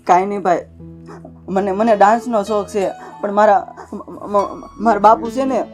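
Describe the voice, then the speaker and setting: A young actress playing a tearful village daughter who dreams of dancing, pleading in a village drama. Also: female voice, mid-range voice, unhurried, darkish tone, soft background music, close to an everyday voice.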